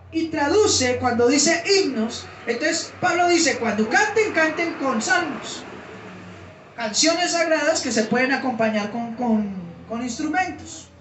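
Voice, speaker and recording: A man's voice: extremely high pitch, a bit bright, a little hiss or hum. A man preaching a teaching sermon to his congregation, explaining terms and asking them questions. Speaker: pastor. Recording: roomy sound from a distance.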